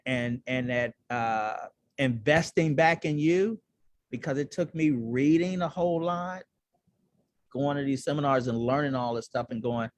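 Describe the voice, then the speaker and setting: A man speaking as a guest on a webinar call, earnest and conversational, often checking in with "right?". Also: medium pitch. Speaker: guest speaker on personal finance. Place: home or office on a webinar call. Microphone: video call microphone.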